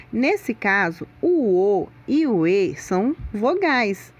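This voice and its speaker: A woman teacher giving a scripted grammar lesson, speaking slowly and deliberately and stressing the sounds in example words. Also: on the high side. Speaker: Portuguese teacher.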